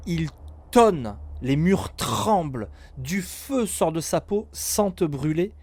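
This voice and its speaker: A man narrating a tabletop role-playing game as game master, improvising dramatically with suspenseful pauses. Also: a little high, expressive, a little mellow, slightly rough.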